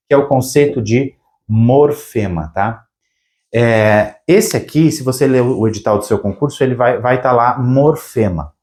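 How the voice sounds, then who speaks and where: A man teaching a recorded video lesson. He explains step by step, slows down to stretch out key words, and checks in with his students every few phrases. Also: medium pitch. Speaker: Portuguese language teacher.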